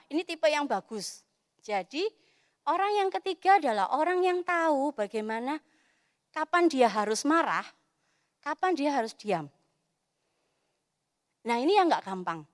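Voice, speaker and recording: A woman's voice: sits high, no echo, studio quality. A woman giving a casual youth sermon in church, acting out quoted voices as she talks. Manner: animated, acts out quoted voices. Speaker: youth preacher.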